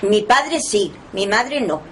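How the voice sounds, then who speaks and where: A woman's voice: medium pitch, very animated, takes it slowly, noisy background. Elderly woman reminiscing. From Torremolinos, Spain. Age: 90s. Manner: rambling reminiscing with frequent restarts. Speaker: oral history interviewee. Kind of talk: oral history interview.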